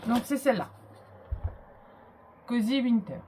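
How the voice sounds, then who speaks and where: A woman's voice: on the high side, animated, measured pace, background noise. A woman with a cold presenting a handmade album in a casual show-and-tell, hesitant and full of fillers. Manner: hesitant, full of fillers and little "hop" interjections. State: has a cold.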